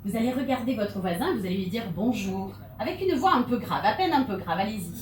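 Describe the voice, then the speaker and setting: A woman delivers a lively, humorous conference talk with theatrical asides. Her voice sits a little high. She is picked up from a distance in an echoey hall with faint background noise. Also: fast talker. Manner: playful, theatrical, laughing asides. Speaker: conference speaker. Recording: echoey hall, mic from far off.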